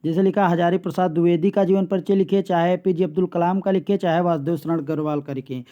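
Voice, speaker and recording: A man's voice: sits high, fairly even intonation, fast talker. A male teacher going through an exam paper for students step by step, often checking in with the class and repeating phrases. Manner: explains step by step, often repeats "theek hai bachchon". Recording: dull lo-fi recording.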